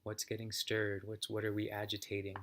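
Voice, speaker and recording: Calm low-voiced male yoga teacher. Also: noisy background. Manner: calm, reflective, unhurried. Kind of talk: reading a daily passage and reflecting. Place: yoga center, indoors.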